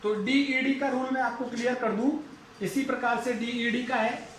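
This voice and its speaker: A man with an Indian accent teaching a phonetics lesson, going slowly and repeating each example word several times. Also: very high voice, steady tone, a bit bright, reverberant, a little hiss or hum, poor audio. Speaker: English teacher.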